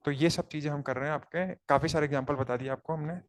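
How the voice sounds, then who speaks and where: A man with an Indian accent giving an online coaching lecture, explaining in quick asides and then dictating notes slowly word by word. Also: on the high side, fairly even intonation. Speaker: teacher.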